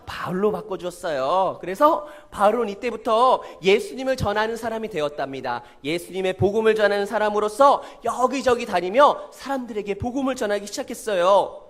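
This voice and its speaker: A high-pitched man preaching a children's sermon as a lively story. He keeps asking the children questions and coaxing them to answer along with him. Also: brisk, few pauses. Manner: animated, asks the children questions. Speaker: children's pastor.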